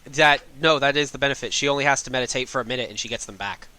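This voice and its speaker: A man's voice: mid-range voice, very fast, background noise. A man narrating as game master of a tabletop game, casual, often laughing and correcting himself mid-sentence.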